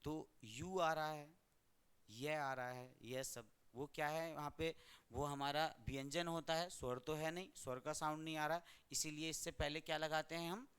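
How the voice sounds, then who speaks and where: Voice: mid-range voice, steady tone, normal speed, a bit bright, clear, resonant tone. A teacher from India giving a grammar lesson, who keeps asking the class questions and answering them.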